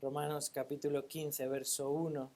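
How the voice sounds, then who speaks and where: A woman preaching a sermon in a church. She stresses points with rhetorical questions and reads scripture aloud slowly. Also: low-pitched, flat delivery, dark tone. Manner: emphatic, asks rhetorical questions and answers them.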